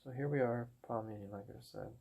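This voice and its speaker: A guitar teacher with a medium-pitched, warm, creaky voice and a breathy edge speaks a little fast while giving a casual acoustic guitar lesson, with acoustic guitar playing behind his voice. He rambles, repeating words as he corrects himself.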